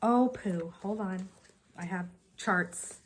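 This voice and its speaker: A woman with a sniffly, stuffed-up voice chats casually as a co-host. She talks in an ordinary middle pitch. She rambles and often restarts her sentences. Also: slow, slight background noise. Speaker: co-host showing cross-stitch projects. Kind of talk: casual chat.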